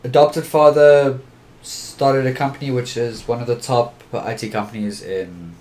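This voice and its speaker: A man's voice: medium pitch, steady tone, unhurried, a little mellow. A man in his twenties from Johannesburg, a photographer being interviewed, introverted and brief in his answers. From Johannesburg, South Africa. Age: 20s. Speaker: guest photographer. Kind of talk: podcast interview.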